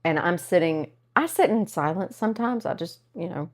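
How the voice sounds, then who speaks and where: A married woman co-hosting a casual chat podcast, animated and quick to laugh, acting out what others say. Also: on the low side. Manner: animated, laughs often, acts out quotes. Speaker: podcast co-host.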